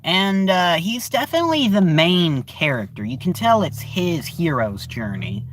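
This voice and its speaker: A man casually reviews a TV series in a slow, unhurried delivery. His pitch moves a lot, and he keeps pausing and restarting with lots of fillers as he searches for the right words. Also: sing-song, fairly bright tone, slight background noise.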